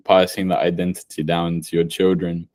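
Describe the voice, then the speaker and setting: A man's voice: low-pitched, little pitch movement, moderate pace, darkish tone, dry recording. A man hosting a podcast, asking hesitant interview questions with some fillers. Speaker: podcast host.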